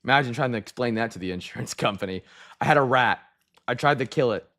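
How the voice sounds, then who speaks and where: A man hosting a live trading card break, rattling off player names with excited bursts. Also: medium pitch, quick pace, noisy background.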